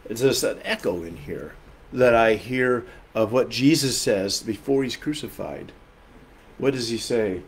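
A man preaching a sermon as pastor, earnest and emphatic, swinging between loud and soft and often repeating phrases as he explains. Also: medium pitch, unhurried.

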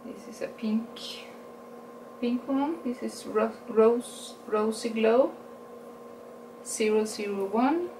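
Her voice is a little high and sits far from the camera mic, in a small indoor room where the audio is roomy with a steady hiss underneath. She's a Norwegian woman in her forties, a beauty vlogger casually covering a makeup haul in accented English, unhurried, correcting herself and laughing at her own English.

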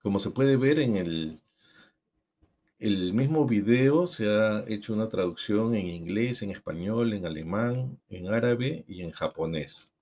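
Calm male tutorial narrator, lowish voice. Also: measured pace. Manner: calm, explanatory. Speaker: tutorial host.

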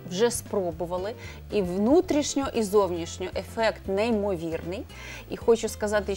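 Fast-talking woman hosting a morning show. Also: mid-range voice, warm tone. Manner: brisk, upbeat presenter delivery. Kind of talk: morning TV studio conversation.

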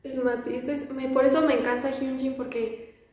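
A woman's voice: sits high, little pitch movement, normal speed, darkish tone. A woman dance coach talking over a video she is reacting to, gasping, laughing and stopping to rewatch. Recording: roomy echo with music playing behind. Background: pop music from the video.

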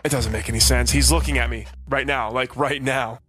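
A man playing a private investigator, narrating in a hard-boiled comic style and reacting with deadpan exasperation. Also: medium pitch, fairly quick, faint music behind, natural voice.

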